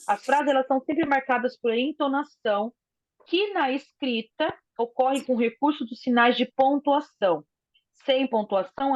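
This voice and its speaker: Over a video call, a woman teacher explains a lesson to her class step by step, frequently checking in with "né?". Her fairly high voice comes through a phone mic, so it sounds dull, lo-fi, and dry, without room echo.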